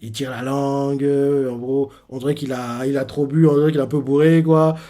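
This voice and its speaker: A man's voice: medium pitch, little pitch movement, fairly quick, dark tone. Man rambling through a manga recap. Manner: rambling, filler-heavy, restarts often. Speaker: manga reaction host. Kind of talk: casual live reaction commentary.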